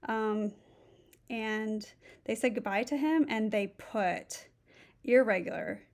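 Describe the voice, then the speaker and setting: Speaking slowly with a fairly high pitch, this Spanish instructor, a middle-aged native English speaker, records a screen lesson. She thinks out loud and goes through it step by step.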